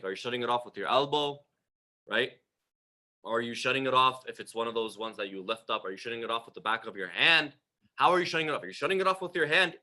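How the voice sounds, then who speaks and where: A man's voice: mid-range voice, bright, forceful tone. A man giving a religious lecture, direct and emphatic, full of rhetorical questions aimed at his listeners. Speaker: religious teacher.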